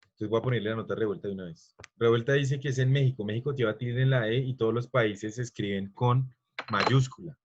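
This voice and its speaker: A male teacher leads an online class, wandering through his explanation and pausing to quiz the students. His voice sits at an ordinary pitch. The audio is muffled and lo-fi. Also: slight background noise. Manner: rambling, stops to quiz students.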